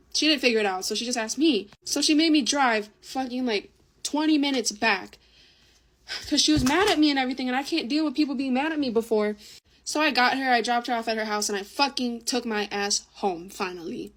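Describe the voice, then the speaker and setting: A woman's voice: on the high side, a little fast, a bit bright. A young woman telling a casual storytime while doing her makeup, swearing freely and saying "like" often. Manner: casual, swears a lot, lots of "like". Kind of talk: get-ready-with-me storytime.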